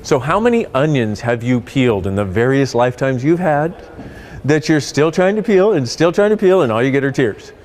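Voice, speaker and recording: Lively man explaining a self-help tool. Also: normal speed. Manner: animated, playful storytelling with sudden rises in pitch. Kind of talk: spoken explanation to camera.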